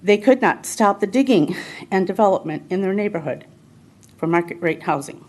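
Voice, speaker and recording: A woman's voice: mid-range voice, animated, normal speed, darkish tone. A woman giving public comment at a city council meeting, reading a prepared statement in an earnest, pleading way.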